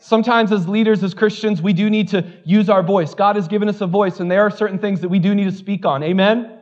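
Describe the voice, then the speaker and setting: A man's voice: high-pitched, steady tone, fast talker, darkish tone, muffled recording. A man preaching a sermon as pastor in a church, candid and conversational, joking at his own expense and filling his talk with "like.". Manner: candid, conversational, self-deprecating, many "like" fillers.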